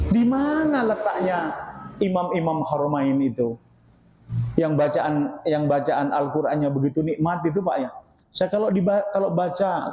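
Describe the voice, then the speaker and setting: Older male preacher, fairly high, mellow voice, animated rhetorical sermon, echoey mosque hall. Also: a little hiss or hum. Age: 60s. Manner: animated, rhetorical questions to the congregation, swings between loud and low. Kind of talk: mosque study-circle sermon.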